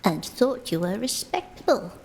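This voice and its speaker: A woman voicing a chorus of tiny, timid piglets in a high, squeaky, indignant way, as a whispered role-play in a storybook reading. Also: big pitch swings, moderate pace, a little mellow, slight background noise.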